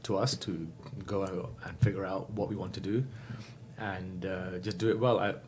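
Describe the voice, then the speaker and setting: Man, 50s, lowish voice, reflective interview talk, light background noise. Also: fairly even intonation, normal speed, darkish tone. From England. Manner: thoughtful, many fillers, self-correcting. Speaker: guest.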